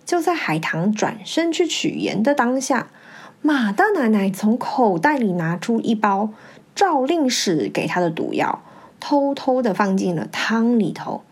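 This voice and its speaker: Woman storyteller, high voice, expressive storybook narration. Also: unhurried, breathy edge.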